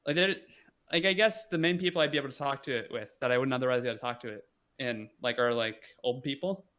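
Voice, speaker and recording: A young adult man talks fast at medium pitch while guesting on a podcast. The conversation is loose and rambling, peppered with "like" and self-deprecating comments.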